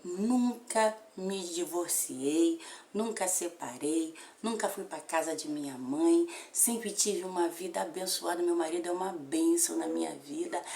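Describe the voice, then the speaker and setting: A Brazilian woman in her fifties tells a family story with feeling, her voice gravelly and her words repeated for emphasis. The recording sits in a roomy space with a clear echo. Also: fairly low pitch, a little hiss or hum. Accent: Brazilian Portuguese. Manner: animated, repeats phrases for emphasis. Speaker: mother telling a family story. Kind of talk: emotional personal storytelling.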